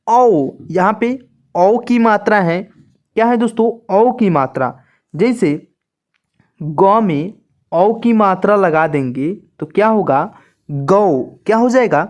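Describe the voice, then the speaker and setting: A woman's voice: mid-range voice, lively intonation, measured pace, a little mellow. A woman teaching an online lesson, who repeats each point and keeps asking her viewers questions. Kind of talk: slow classroom-style lesson.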